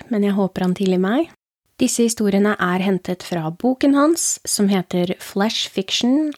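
Woman reading creepy tales on her podcast, slow and hushed, dead dry sound. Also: medium pitch, dry recording. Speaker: horror podcast host. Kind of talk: reading short horror stories aloud.

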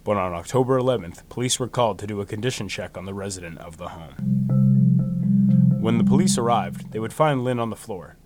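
A man hosting a true crime podcast, reading a scripted story in a solemn, measured way, with phrases that trail downward. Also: lowish voice, lively intonation. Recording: music behind the voice. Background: music bed.

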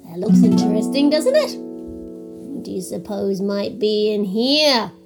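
A woman's voice: mid-range voice, big pitch swings, takes it slowly, over loud music. A woman hosting interactive storytelling for young children, theatrical, with gasps and coaxing questions. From New Zealand.

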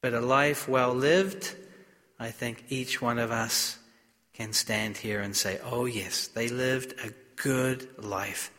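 A man speaking as a priest at a funeral, solemn and measured, in short deliberate phrases, with the cathedral-like echo of a large church. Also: medium pitch, steady tone, pushed and bright. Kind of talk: solemn gospel reading and funeral homily.

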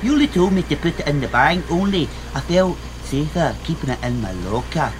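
An actor playing a naive, literal-minded and earnest toilet cleaner in an audio comedy. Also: male voice, on the high side, very animated, fairly quick, noisy background. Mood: excited, naive.

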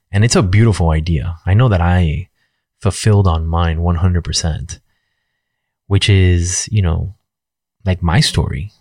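A man's voice: low voice, a little mellow, no room sound, clean studio sound. A man in his forties speaking candidly and frankly in a rambling personal monologue, swearing casually and using lots of fillers. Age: 40s.

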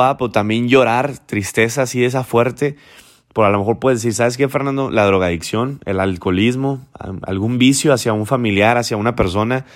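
A man delivers a motivational mentoring talk in a preachy, emphatic way. He keeps asking the listener direct questions and hammers his points home through repetition. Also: mid-range voice. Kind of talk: motivational speech.

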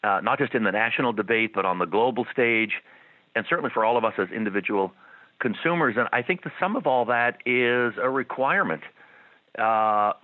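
A man's voice: medium pitch, no room sound. A man being interviewed as a guest investor, slightly losing his voice, answering thoughtfully with many restarts. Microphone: phone line. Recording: tinny dry phone line.

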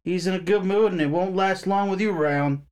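A man's voice: high-pitched, a little fast, a little mellow, voice pushed up, natural voice. A man voicing a surly, lanky male doorman who talks with curt contempt. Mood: contemptuous.

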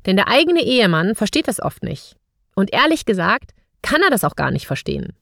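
A woman's voice: medium pitch, big pitch swings, fairly quick, vocal fry, fairly bright tone, no room sound, clean studio sound. A woman hosting a podcast, speaking straight to the listener in a scripted monologue full of rhetorical questions. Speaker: podcast host.

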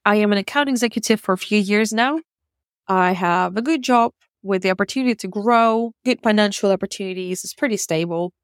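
A woman's voice: mid-range voice, fairly quick, no echo, clean studio sound. Woman in her thirties, candid podcast monologue. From Ukraine, grew up in Russia. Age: 30s. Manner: candid, musing, with frequent fillers and restarts. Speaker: podcast host. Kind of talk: reflective personal monologue.

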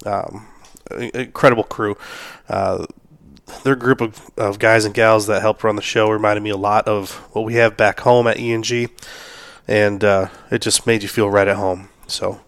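Sick man with a smooth low voice. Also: fairly even intonation, normal speed, no echo. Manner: casual, lots of fillers, shout-outs. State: sick, losing his voice, coughing. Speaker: podcast host. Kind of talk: solo podcast recap.

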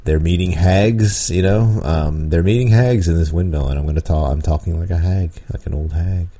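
A man speaks at normal speed in a low, warm voice while hosting a podcast. As a dungeon master, he offers casual, rambling game-master advice, laughing softly often and stumbling through ums and restarts.

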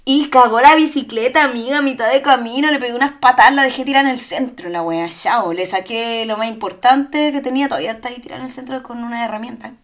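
A young woman with a Chilean accent and a high, light voice. She tells stories in casual chat, loose and slangy, and keeps laughing along the way. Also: fast, hardly any pauses. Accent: Chilean Spanish. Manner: lively storytelling with slang and laughs. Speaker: podcast co-host.

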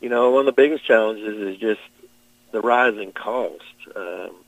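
A middle-aged man with a Kentucky Southern accent, answering interview questions as a farmer in a plain-spoken, halting, measured way. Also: on the low side, gravelly, dry recording, poor audio. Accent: Southern American, Kentucky.

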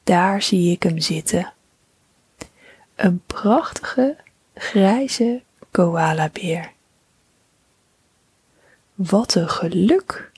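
A woman reading a bedtime story for children in a soft, whispering, soothing voice. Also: on the low side, husky, no room sound. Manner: slow, soothing, calm.

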